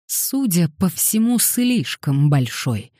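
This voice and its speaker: A woman voicing a quick-tempered young man, hissing his lines through clenched teeth in an audiobook. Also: deep voice, mellow, no room sound, clean studio sound. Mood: angry.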